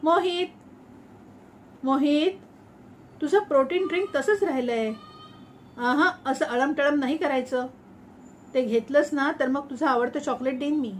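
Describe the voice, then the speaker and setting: A woman voicing a calm female android caretaker who gently coaxes a child, in a sing-song tone. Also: high-pitched, unhurried, pauses often, a little hiss or hum. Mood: coaxing.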